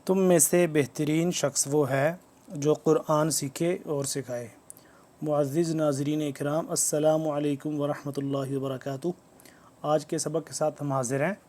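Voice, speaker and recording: A man with a Pakistani Urdu accent teaches a tajweed lesson. He chants each verse slowly and tunefully, then breaks it down letter by letter in a calm explaining voice. His tone is mellow and warm, and his pitch sits slightly high but stays fairly even. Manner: recites verses slowly and melodically, then spells letters and explains rules calmly. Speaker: Quran recitation teacher.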